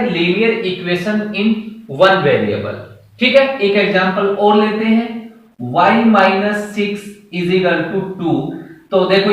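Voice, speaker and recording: Guy teaching real slow, asks the kids questions, far off in a super echoey room. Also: high-pitched. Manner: slow, step-by-step explaining with questions to students. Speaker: maths teacher. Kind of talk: classroom maths lesson.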